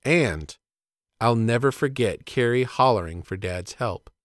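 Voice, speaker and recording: Man telling a story with a lively pitch. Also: no echo, studio quality. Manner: measured, plainspoken storytelling. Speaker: storyteller and father. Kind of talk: scripted narration of a personal story.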